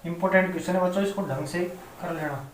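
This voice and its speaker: A man with a Rajasthani Hindi accent teaches a maths lesson, his voice sitting high. He keeps pausing to check that the students follow. The sound is roomy and picked up from some distance, with a faint hiss behind. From India. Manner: repeatedly checks students' understanding. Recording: echoey room, mic at a distance, faint noise.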